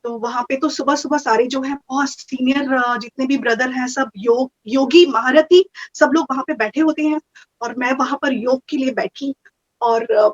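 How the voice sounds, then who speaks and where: A woman with a high voice tells a personal story in a lively, animated way. She slips English phrases into her talk. The recording sounds muffled and dull. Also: moderate pace. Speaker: guest sharing experiences. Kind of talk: casual storytelling.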